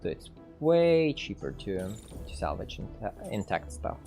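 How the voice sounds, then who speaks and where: Low-voiced man thinking aloud. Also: very animated, unhurried, gravelly, warm tone, soft background music. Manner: thinking aloud, hesitant with fillers, reads game text. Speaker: game developer streaming gameplay. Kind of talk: casual livestream gameplay commentary.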